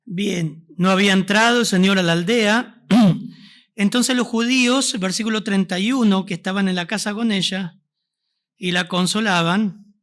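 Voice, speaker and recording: A man's voice: high voice, fairly even intonation, normal speed, a bit bright. A man with an Argentine accent preaching a Sunday sermon as pastor, asking the congregation questions. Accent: Argentine Spanish. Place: church service.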